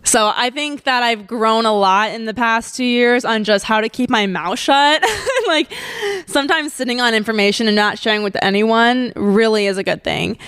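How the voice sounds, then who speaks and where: Casting: young woman in her twenties, podcast host, smooth clear voice, a little high, dry close sound. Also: a bit bright, no room sound. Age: 20s. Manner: chatty and emotional, quick laughs. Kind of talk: casual solo podcast chat.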